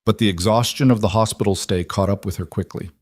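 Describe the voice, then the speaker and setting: A man reading a scripted story aloud in an even, measured way. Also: fairly low pitch, no echo. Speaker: narrator. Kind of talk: scripted audiobook narration.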